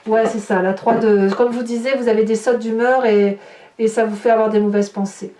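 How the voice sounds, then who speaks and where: Brisk yet mellow, her slightly high voice holds a steady tone as she gives a friendly, soothing tarot reading with frequent restarts. Echo fills the room, and she sounds far from the microphone.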